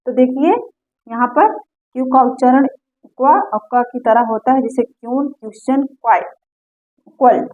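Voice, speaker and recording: A woman's voice: high-pitched, measured pace, long pauses. Woman teaching on a tinny phone line. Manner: patient, repeats each example word. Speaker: English teacher. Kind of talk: explaining pronunciation rules.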